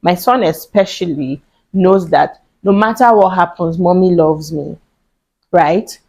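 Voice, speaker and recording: A woman's voice: on the low side, a little slow, creaky, a little mellow, poor audio. A woman in her thirties giving earnest, chatty parenting advice to camera, repeating points for emphasis. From Nigeria. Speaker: parenting vlogger. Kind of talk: casual advice talk to camera.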